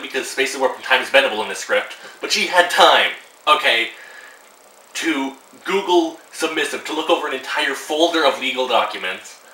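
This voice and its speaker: Sitting far from the mic in his room at home, a teenage boy casually rants to camera about a film with plenty of swearing, sarcasm and exasperation. His mid-range voice has a sharp edge, and the low-quality recording sounds roomy.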